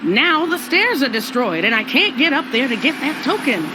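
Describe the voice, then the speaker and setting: A feisty older mother's ghost. Her voice is fairly high, blunt and sassy, full of grudge, in cartoon game style over clearly noisy ambience. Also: very animated, moderate pace. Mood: irritated. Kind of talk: cartoon video game voice acting.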